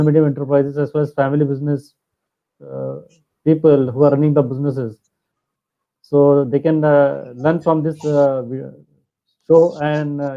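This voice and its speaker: A man with an Indian accent hosting an unscripted interview in a hesitant, halting way, often repeating himself. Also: a little high, muffled recording. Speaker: interview host.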